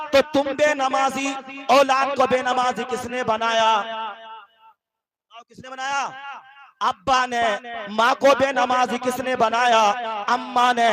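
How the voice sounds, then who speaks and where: A man's voice: extremely high pitch, poor audio. A man preaching a sermon to a gathering, posing questions and answering them himself, repeating key phrases for emphasis. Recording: live gathering with crowd noise.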